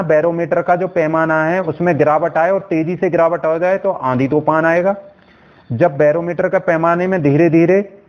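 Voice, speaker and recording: A male science teacher gives an exam-prep lecture in a fairly high voice. He keeps quizzing the class and repeats every answer over and over. The recording sounds dull and lo-fi.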